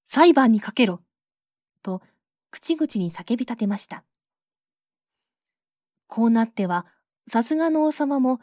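Woman reading a fairy tale, mellow tone. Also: fairly high pitch, dry recording, clean studio sound. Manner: calm, measured reading. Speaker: storyteller. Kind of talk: storybook narration.

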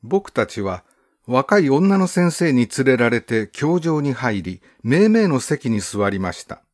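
A male narrator reads a first-person story with a measured, gently expressive delivery. His pitch sits in the middle but rises and falls a great deal from phrase to phrase, giving the reading plenty of melody. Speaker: audiobook narrator. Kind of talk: calm literary storybook narration.

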